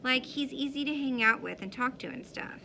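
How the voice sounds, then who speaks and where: A woman reading a story aloud in an expressive way. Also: sits high, normal speed, a little hiss or hum, low-quality recording. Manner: expressive, shifting into character voices. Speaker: audiobook reader. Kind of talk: storybook read-aloud narration.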